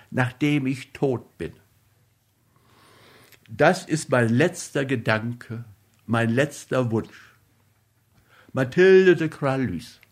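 Male narrator, slow solemn audiobook read, mid-range voice. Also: medium pitch, husky. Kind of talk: literary audiobook reading.

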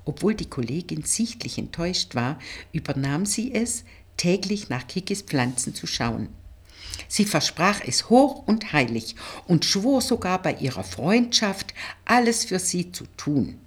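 A woman reads a novel aloud in a husky, low voice. Her delivery is expressive, with lively rises and falls in pitch. It is a storytelling audiobook narration. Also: measured pace.

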